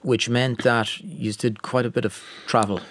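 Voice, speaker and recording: A man's voice: medium pitch, little pitch movement, moderate pace, a bit bright, no room sound. Irish male radio interviewer, dry studio sound.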